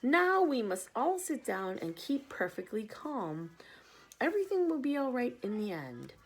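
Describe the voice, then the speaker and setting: A kindly old grasshopper from a storybook, the calm, cheerful leader of the group, as a woman reading aloud puts him on. He speaks reassuringly, in a raised, lively voice. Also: on the high side, a little slow, husky, pitched above the performer's own voice, full character voice.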